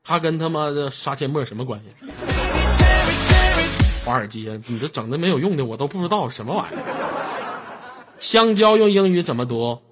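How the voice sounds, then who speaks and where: A man with a Northeastern Chinese accent hosting a stream, teasing his guest with crude jokes, loud mockery and constant swearing, sometimes bursting into shouts. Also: a little high, animated, normal speed, pauses often, loud music behind the voice. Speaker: livestream host. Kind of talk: crude joking banter.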